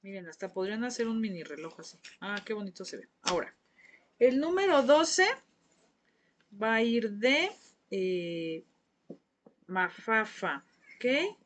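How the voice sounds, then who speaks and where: A woman with a Mexican Spanish accent teaches a live painting class, chatting and gossiping with viewers as she paints. Her medium-pitched, slightly bright voice swings widely in pitch, and she speaks a little slowly with long pauses.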